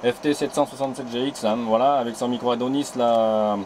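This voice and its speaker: Slight background noise accompanies this man's medium-pitched, steady, slightly mellow voice as he talks fairly quickly. A radio amateur filming a casual contact from his island home station, he uses an old handheld transceiver mic and warmly slips "là" after nearly every phrase.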